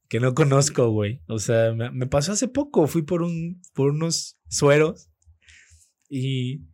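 Slangy, animated Mexican man. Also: medium pitch, takes it slowly, no room sound. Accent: Mexican Spanish. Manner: slangy, animated anecdotes, frequent fillers. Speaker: radio producer and host, guest. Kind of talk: casual podcast chat, storytelling.

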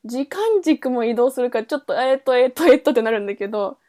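This podcast host has a fairly high, expressive voice, quick and warm. Chatting informally about a novel she's introducing, she works through her thoughts aloud and stops to correct herself.

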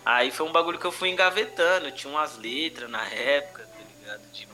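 Male podcast guest, São Paulo Brazilian Portuguese accent, very bright forceful voice, slangy casual storyteller, music underneath. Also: a little high, expressive, fast. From Brazil, urban periphery. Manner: heavy street slang, frequent conversational tags. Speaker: comedian interview guest.

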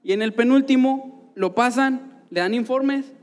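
A man's voice: very high voice, unhurried. A man with a Mexican accent giving an earnest personal testimony in a church hall, acting out the dialogue as he tells it. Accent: Mexican Spanish. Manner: earnest storytelling, acts out dialogue. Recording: echoey hall reverb.

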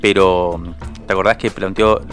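A journalist with a fairly low voice talks through politics on a radio show. He is loose and conversational, and he often pauses and restarts his sentences. Soft music sits in the background. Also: fairly even intonation. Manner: conversational, hesitant with fillers and restarts. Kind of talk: casual political commentary.

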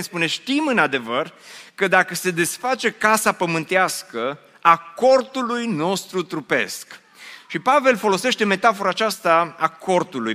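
A man's voice: a little high, sharp tone. A man preaching a sermon to his congregation, telling a story with humor and asking them questions. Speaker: pastor. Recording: long hall reverb.

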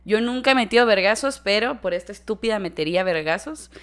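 A woman's voice: mid-range voice, quick pace, clean tone. A young woman with a Mexican Spanish accent chatting casually with a friend, cursing and laughing. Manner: profane, laughing, animated. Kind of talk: casual chat, storytelling.

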